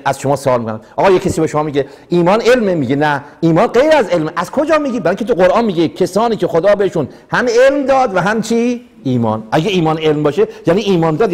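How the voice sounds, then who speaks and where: Religious teacher, male, slightly high voice, animated lecturing with rhetorical questions. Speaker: teacher of mystical texts. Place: lecture hall in Vancouver.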